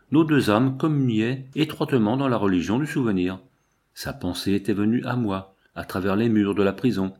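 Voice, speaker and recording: A man reads a first-person novel aloud in a measured, expressive way. His voice sits on the low side. The delivery is steady literary narration. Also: husky. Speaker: audiobook narrator.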